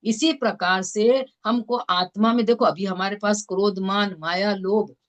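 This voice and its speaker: A woman's voice: medium pitch, fairly even intonation, measured pace. A woman with an Indore Hindi accent teaching a scripture class, explaining with everyday examples and often checking that listeners follow. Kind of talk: religious scripture lesson.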